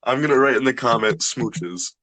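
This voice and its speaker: A young man co-hosting a casual podcast chat, excitable and animated, with a husky voice. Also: mid-range voice, moderate pace, poor audio. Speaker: podcast co-host.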